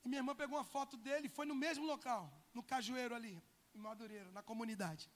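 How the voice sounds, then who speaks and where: A male pastor, telling a personal testimony in a sermon, moving between loud bursts and hushed lines. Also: very high voice, fast talker, in a large hall. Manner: emotional storytelling, swinging from loud to hushed.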